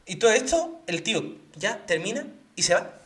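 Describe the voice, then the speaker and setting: A man's voice: high voice, normal speed. A man co-hosting a podcast, telling a story in casual chat and acting out the voices of the people in it. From Spain. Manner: animated, acts out quoted voices. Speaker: podcast co-host.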